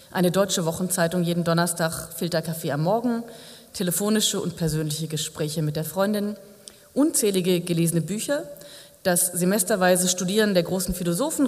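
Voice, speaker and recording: A man narrating a novel in a dry, wry manner, with long reverb. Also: high-pitched. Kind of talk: audiobook narration.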